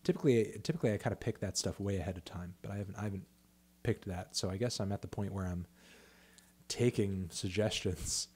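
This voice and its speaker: Deep, brisk and darkish with a breathy edge, this thirty-something music critic's voice carries a relaxed livestream Q&A. He fields viewer questions about music with plenty of fillers, false starts and profanity.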